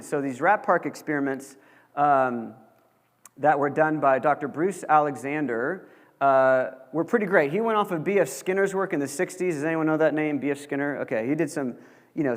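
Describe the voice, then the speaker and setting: A young man giving a casual lecture to college students, chatty and joking, full of fillers. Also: on the high side. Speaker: guest lecturer. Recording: long reverb of a large hall.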